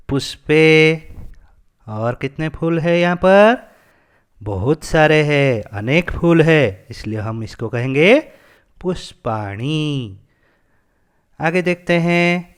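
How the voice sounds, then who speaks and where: Male teacher, slightly high voice, lively up-and-down pitch; patient question-and-answer classroom delivery. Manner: slow, patient, asks questions then answers them. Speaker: Sanskrit teacher. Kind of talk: classroom lesson for children.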